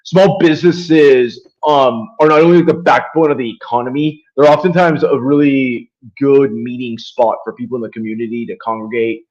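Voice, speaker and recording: A man's voice: medium pitch, steady tone, moderate pace, few pauses, darkish tone, lo-fi sound. A man from Venezuela, a podcast guest talking politics in a rambling way with many fillers and restarts. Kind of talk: casual political discussion.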